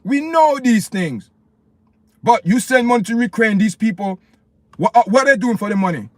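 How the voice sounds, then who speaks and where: A Jamaican man with a Jamaican accent hosts a livestream, ranting passionately at his viewers, whom he calls "people," and hammering the same points again and again in a preachy, opinionated way. His voice sits high and animated at a normal speed. The recording is dry and studio quality.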